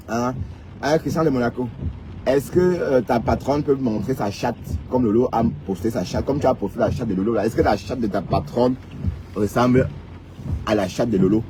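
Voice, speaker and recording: Amid background noise, a mid-range male voice belongs to a Cameroonian man with a Cameroonian French accent. He rants during a casual live stream, poking fun at viewers and tacking "hein" onto much of what he says.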